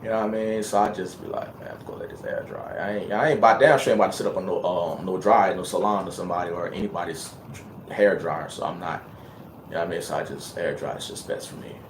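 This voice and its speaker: A man from Louisiana with a light accent chats casually on a livestream, answering viewer questions in a rambling, laid-back style full of fillers. His voice is low and quick, and the roomy recording carries a little hiss or hum.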